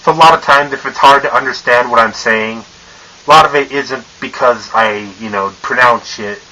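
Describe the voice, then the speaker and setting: A man's voice: mid-range voice, normal speed, pushed and bright. A young man in a casual, profane vlog rant, his voice muffled by a mask he wears, rambling with lots of fillers and tongue-tied stumbles. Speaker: vlogger.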